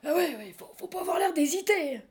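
A woman's voice: very high-pitched, animated, fairly quick, darkish tone. A woman with a French accent reading a hot-tempered but cowardly male friend who stammers and blusters. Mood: blustering.

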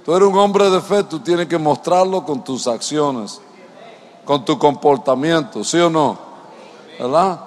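Male pastor, fairly high voice, preaching in a church with long hall echo, keeps asking the crowd questions. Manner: rhetorical questions to the congregation. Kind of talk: sermon.

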